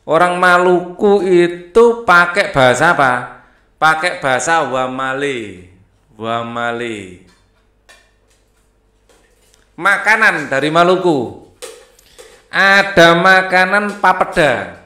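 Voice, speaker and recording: A man's voice: fairly high pitch, expressive, slow pace, bright, forceful tone. A man teaching a primary school lesson, reading the textbook aloud with chatty asides. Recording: echoey room.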